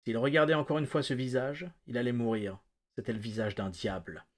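A man, a podcast host, reading a novel excerpt aloud in a measured, steady narration. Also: mid-range voice.

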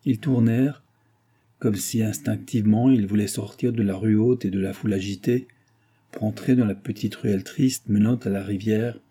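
A man narrating a classic novel as an audiobook in a steady, measured reading. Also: medium pitch, breathy edge. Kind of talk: reading a 19th-century novel aloud.

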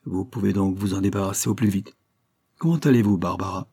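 A man's voice: sits low, a little fast, vocal fry, dark tone, slightly rough, full character voice. A man reading aloud, voicing a composed, wry young lawyer in a storybook.

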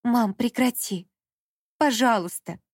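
Woman voicing a young woman yelling back at her mom, high and loud, dry mic. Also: normal speed, no room sound, close to an everyday voice. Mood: pleading. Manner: raised, pleading and defiant. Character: defiant young woman of 21, fed up. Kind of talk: audiobook character reading.

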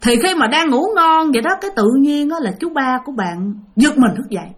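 Woman storyteller, chatty, very animated pitch, talks to listeners. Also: brisk. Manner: chatty, addresses listeners directly. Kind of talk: spoken ghost-story narration.

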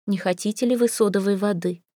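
A woman's voice: mid-range voice, fairly even intonation, brisk, mellow, no room sound, studio quality, lightly acted. A woman voicing a feeble, tearful older mother-in-law in an audiobook, speaking in a plaintive, sighing way. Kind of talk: audiobook character reading.

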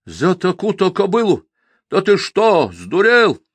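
A man's voice: high voice, huge pitch swings, slow, a bit bright, husky, no echo, pitched above the performer's own voice, exaggerated voice. A man voicing a poor village peasant who haggles and grumbles in rustic speech. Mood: haggling.

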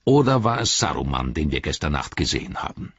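Blunt dwarf warrior, male, raspy and pushed higher, voiced by a male reader; dry, dull audio. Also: big pitch swings, brisk, a bit bright, no echo, full character voice.

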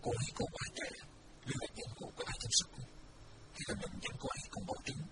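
A man voicing a young male martial disciple, earnest and guilt-ridden, speaking in a hushed, brooding way. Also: extremely high pitch, quick pace, voice pushed up. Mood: anguished. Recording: distant mic, loud background noise.

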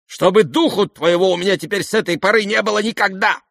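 A man voicing an irascible aristocratic older woman who scolds and shouts imperiously in an audiobook. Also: sits high, quick pace, creaky, no echo, studio quality, voice pushed up, full character voice. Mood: furious. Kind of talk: audiobook character voice.

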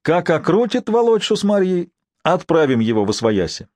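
A man voicing a hot-tempered, proud young prince who shouts and rages in high-strung outbursts. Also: very animated, moderate pace, no echo. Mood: scornful.

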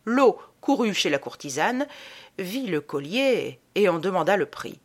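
A woman reading the part of a Parisian man recounting a roguish tale in an audiobook, with lively playful storytelling. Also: fairly low pitch, measured pace. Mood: amused.

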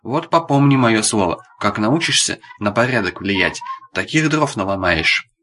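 A man's voice: fairly low pitch, expressive, unhurried, pushed and bright. A man reading the lines of a stern old grandmother who scolds and commands her young apprentice.

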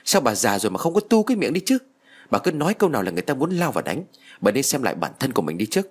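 A man's voice: mid-range voice, big pitch swings, rapid-fire, breathy edge. A man voicing a stern village man scolding a quarrelsome old woman.

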